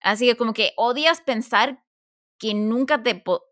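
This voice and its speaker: A woman co-hosting a faith-based podcast chat, animated, acting out quoted thoughts and putting questions to her listeners. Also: a little high, unhurried, dry recording, studio quality. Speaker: podcast co-host.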